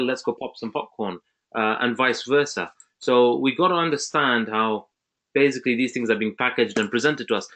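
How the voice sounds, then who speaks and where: A Zambian man hosts an online webinar, talking casually with many restarts and fillers. His voice is medium-pitched and a bit bright.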